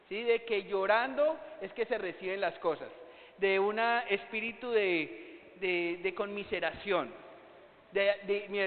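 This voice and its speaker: A high-pitched man preaches to his congregation. His voice rings with a long reverb, and the sound is thin and phone-like. He keeps asking rhetorical questions and answering them himself. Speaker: pastor. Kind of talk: sermon.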